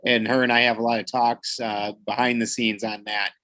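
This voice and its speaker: A man's voice: mid-range voice, flat delivery, moderate pace, sharp tone, no room sound. A man co-hosting a casual podcast, talking in a rambling way with many fillers. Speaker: podcast co-host. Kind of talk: casual group chat.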